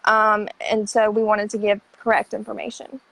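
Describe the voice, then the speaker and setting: A woman guest on a live online chat, introducing herself in a relaxed, plain way with frequent ums. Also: medium pitch, moderate pace, gravelly, no echo, low-quality recording. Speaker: guest author. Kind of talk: casual livestream interview. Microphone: wearing headphones on a call.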